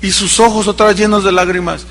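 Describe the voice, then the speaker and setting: A male pastor preaches in a church with a very high, bright, ringing voice. He tells his story with dramatic pauses, rushing ahead and then slowing right down to make a point. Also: fairly even intonation, big-room sound. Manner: storytelling preacher, shifting between quick and slow, emphatic pauses. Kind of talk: sermon. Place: church sanctuary.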